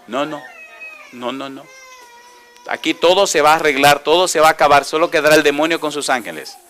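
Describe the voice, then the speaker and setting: Bright-voiced pastor preaching. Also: male voice, a little high. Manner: asks the audience questions and answers them himself; reads scripture slowly and deliberately. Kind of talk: sermon.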